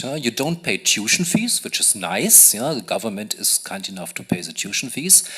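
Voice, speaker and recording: A man's voice: mid-range voice, sharp tone, slightly rough. A man in his fifties speaking on a conference panel in a lecture hall, into a table microphone, often checking in with "yeah?". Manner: frequent "yeah?" tag questions, conversational. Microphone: table gooseneck mic.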